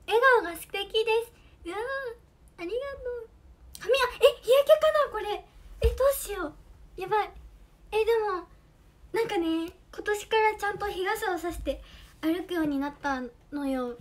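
A young woman livestreaming as an idol, chatting casually and thanking viewers by name, her voice slightly hoarse. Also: extremely high pitch, normal speed. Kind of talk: casual livestream chat, reading viewer comments. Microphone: earphone mic.

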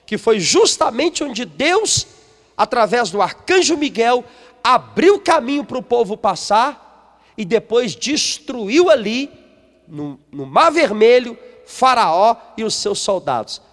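A man's voice: very high voice, sing-song, slow pace, a bit bright, big-room sound. A man, a missionary preaching a sermon, reading from a book and putting questions to the congregation. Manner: emphatic, asks the congregation questions.

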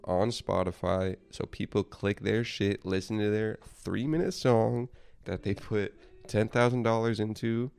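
A young male podcast co-host rambles through casual chat, swearing freely and trailing off mid-thought. His fairly low, creaky voice is a little mellow and clean in tone, with fairly even intonation and a measured pace.

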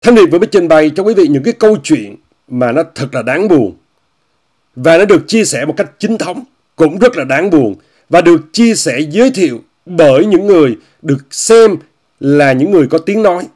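A man's voice: fairly high pitch, darkish tone. A man hosting an online commentary monologue, addressing viewers, repeating phrases and mocking what he discusses. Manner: repetitive, often repeats phrases and says "quý vị" often; scornful, mocking tone.

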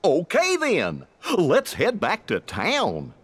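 An actor playing an easygoing, goofy dog sidekick with a husky drawl in an animated video game. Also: male voice, high-pitched, slow, dry recording, exaggerated voice. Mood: amiable, easygoing.

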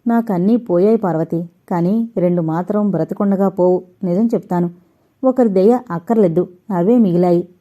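A woman's voice: fairly low pitch, moderate pace, phone-quality sound, close to an everyday voice. A woman doing a proud, stubborn young man. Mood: remorseful. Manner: curt, stubborn replies. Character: proud, hot-tempered young man, ex-convict.

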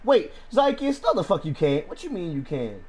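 A man's voice: high-pitched, sing-song, moderate pace, over a noisy crowd. Slangy swearing male streamer. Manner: slangy, swears a lot, chats with viewers. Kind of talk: casual gameplay commentary.

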